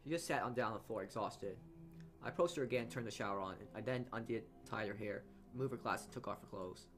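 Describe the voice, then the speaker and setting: Speaking fast in a low-leaning, fairly bright voice, a let's player reads a visual novel's narration over game music. He often trips up and corrects himself, adding his own asides along the way.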